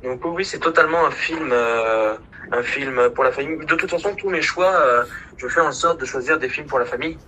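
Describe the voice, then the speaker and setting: A man's voice: medium pitch, a little fast, bright, forceful tone, slight background noise, low-quality recording. A man chatting as a podcast panelist, earnest and hesitant. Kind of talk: casual podcast chat.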